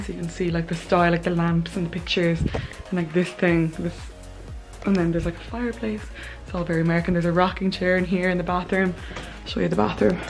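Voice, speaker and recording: A woman's voice: lowish voice, vocal fry, darkish tone, poor audio. A woman narrating a travel vlog in a chatty, gushing way, full of "like" fillers. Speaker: travel vlogger. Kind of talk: casual vlog narration to camera.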